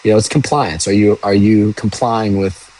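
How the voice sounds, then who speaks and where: A young man who is a police officer answers viewers in a casual livestream chat, his lowish, mellow voice steady and moderately paced. He speaks frankly, rambles, and swears from time to time, and the audio is poor.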